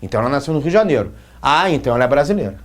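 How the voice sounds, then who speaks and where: Rapid-fire and sing-song, a medium-pitched Brazilian man teaches logic at a whiteboard. As he explains, he checks in with the students again and again through repeated questions.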